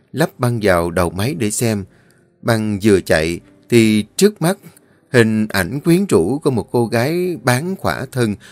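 A man narrating a dramatic audio story in a steady, earnest storytelling voice. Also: fairly low pitch, no room sound. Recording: dry close voice, faint music.

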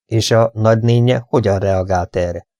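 A dry, measured older detective in an audiobook, questioning carefully, as a male reader plays him. His voice is low, gravelly and dark, in a dry recording. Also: fairly even intonation, no room sound, close to an everyday voice.

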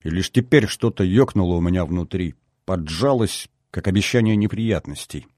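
A man narrating a first-person novel in a wry, even storytelling manner. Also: low voice, normal speed, no room sound, clean studio sound. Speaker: audiobook narrator.

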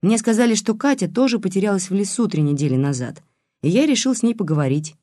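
A man's voice: high-pitched, animated, quick pace, warm tone, no room sound, pitched above the performer's own voice. A reader voicing a polite detective man. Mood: placating. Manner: placating, polite. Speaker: private detective.

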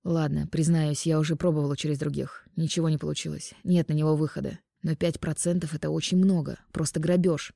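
Woman doing a pushy haggling young man, creaky. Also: low-pitched, little pitch movement, quick pace, few pauses, warm tone, dry recording, studio quality. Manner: pushy, wheedling bargaining. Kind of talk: audiobook narration.

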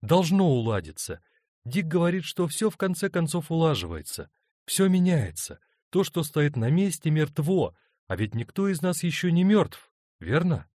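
A tender young wife, torn between two loves, pleads and hesitates in a lifted, softened voice, as a man puts her on. Her words come emotional and uncertain in a storybook reading. The recording is dry and close. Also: fairly high pitch, big pitch swings, moderate pace, no room sound, voice pushed up.

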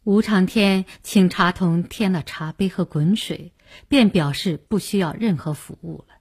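A woman narrating a radio story as a storyteller, with a breathy, husky voice and an expressive, animated reading. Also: on the low side, a little slow.

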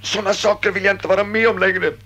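A man's voice: high voice, flat delivery, bright, forceful tone. An actor playing a weary, despairing young soldier in his twenties home from war, in a radio play. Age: 20s. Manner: weary, hopeless, pleading.

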